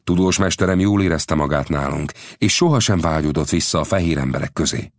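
A man voicing a proud young Apache chief in a storybook reading, speaking in a measured, formal and courteous way. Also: rumbling low, no room sound, clean studio sound. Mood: dignified.

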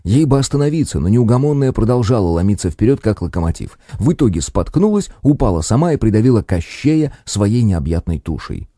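A man reading an audiobook in an expressive narrating manner. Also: on the low side, fairly quick, few pauses, dry recording, clean studio sound.

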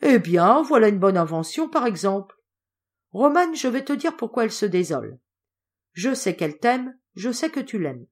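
A woman's voice: mid-range voice, sing-song, moderate pace. A woman doing a hearty old general. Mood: jovial. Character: old Russian general, loving, blustering grandfather.

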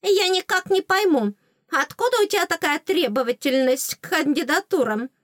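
A woman voicing a small, cheeky female tooth fairy with a squeaky, teasing, excitable voice in an audiobook. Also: moderate pace, no room sound, clean studio sound. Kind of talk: audiobook character voice.

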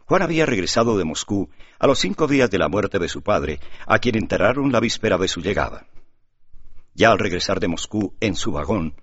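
A man reading an audiobook in measured scripted narration. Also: lowish voice, husky. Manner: measured storytelling. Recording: dull lo-fi recording.

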